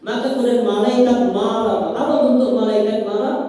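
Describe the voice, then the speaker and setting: A man preaching a sermon in a mosque, chanting Arabic passages and then explaining them in an animated way. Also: sits high, fairly quick. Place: mosque hall. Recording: echoey hall, from far off.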